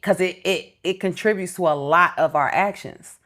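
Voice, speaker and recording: Earnest woman, slightly low voice. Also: normal speed, fairly bright tone. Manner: earnest, reflective, explaining step by step. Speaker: entrepreneur guest. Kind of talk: casual interview chat.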